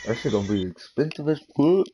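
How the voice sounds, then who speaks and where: A young man chatting casually while gaming, relaxed and slangy, laughing easily. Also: mid-range voice, fast, slight background noise, poor audio.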